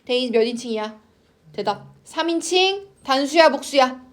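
Casting note: high-pitched woman as an English teacher, coaxing, keeps asking the class if they follow. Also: expressive, normal speed. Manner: coaxing, checks in constantly with students. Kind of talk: online class lecture to students.

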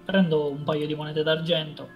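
A man playing a tabletop role-playing game, speaking casually and deliberately in character. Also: fairly high pitch, flat delivery, lo-fi sound, soft background music. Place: indoor room, online group stream.

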